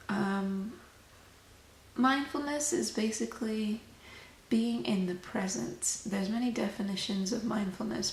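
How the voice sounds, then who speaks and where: A woman host chatting in a soft-spoken ASMR style, explaining things gently and without hurry, with drawn-out pauses. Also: mid-range voice. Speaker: host of a tea meditation channel. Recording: roomy echo, faint background noise.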